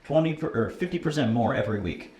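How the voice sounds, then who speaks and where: A crowd murmurs in the background as an American man in his thirties, a computer science instructor, talks fast in an expressive mid-range voice. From the USA and a native English speaker, he keeps the relaxed conversational interview casual, with many ums and uhs and frequent "okay?" check-ins. The recording has roomy echo and faint room noise.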